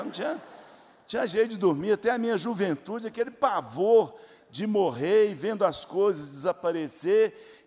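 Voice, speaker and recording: An older male preacher with a fairly high voice delivers an emphatic sermon. He tells stories and acts out the voices of the people in them. His words ring out with a long reverb from a large hall. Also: darkish tone. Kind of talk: sermon with storytelling.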